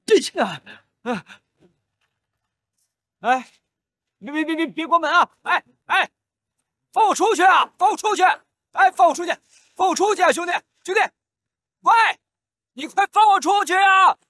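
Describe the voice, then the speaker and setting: A broke young gambler in a costume drama, always pleading and whining for one more loan. His voice sits very high and bright, with a husky edge and lively swings of pitch. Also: moderate pace, dry recording, clean studio sound, exaggerated voice. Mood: panicked. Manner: pleading, whiny, yelps in pain. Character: broke young male gambler, wheedling and whiny.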